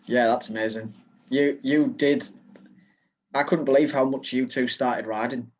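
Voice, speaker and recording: A man's voice: mid-range voice, steady tone, measured pace, darkish tone, a little hiss or hum. A man with an English accent, a podcast guest giving short, laid-back replies over a video call. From England. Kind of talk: casual chat. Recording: dull video call audio.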